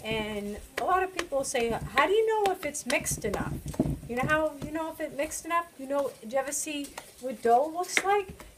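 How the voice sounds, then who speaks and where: A middle-aged woman with a New England accent kneads dough by hand in her home kitchen, coaxing and chatting through a bread-making demo while children are around. Her voice sits high and animated at normal speed. Someone else holds the phone camera, and the home video is noisy.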